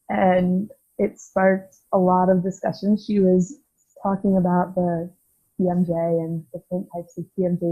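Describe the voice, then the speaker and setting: Young woman guest, frank and reflective, laughs easily; narrow phone-like sound. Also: on the low side. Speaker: podcast guest, physical therapy student. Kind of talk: casual conversation. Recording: tinny phone-like line.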